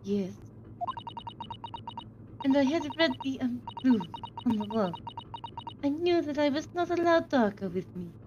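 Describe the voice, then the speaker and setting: A woman voicing a nervous female passenger in a mystery game, speaking in a put-on Russian accent with a hesitant, halting manner. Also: high voice, expressive, lo-fi sound, background noise. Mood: anxious.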